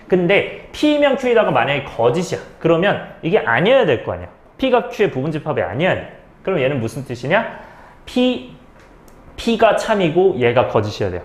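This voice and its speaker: Lively male math teacher, echoey room. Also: fairly high pitch. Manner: keeps checking in with students, "okay?"; explains step by step, asking and answering his own questions. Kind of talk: recorded math lecture.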